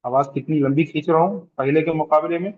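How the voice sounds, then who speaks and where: A man teaching Quranic recitation rules in a slow classroom lecture with a Hyderabadi Urdu accent, repeating terms, asking the class questions and drawing out vowels to show their length. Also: on the high side, lo-fi sound. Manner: draws out vowels to demonstrate elongation. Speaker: tajweed teacher.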